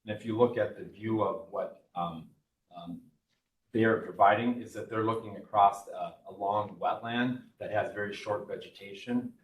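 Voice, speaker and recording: A man presenting at a public hearing, halting and using frequent ums. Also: on the low side, steady tone. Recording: echoey hall, distant mic, faint noise.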